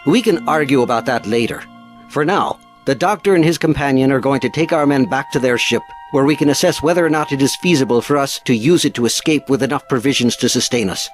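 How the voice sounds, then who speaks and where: A man plays a ship's captain in an audio drama, firm and tired of it all. His mid-pitched voice is formal and used to command, with faint music behind. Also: fast, close to an everyday voice. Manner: formal, authoritative.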